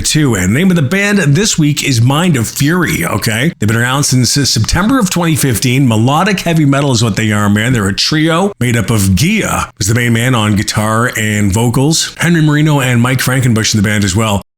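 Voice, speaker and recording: A man's voice: mid-range voice, lively intonation, a little fast, hardly any pauses. A man hosting a rock radio podcast, introducing his guest and asking questions in upbeat, chummy patter. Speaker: podcast host.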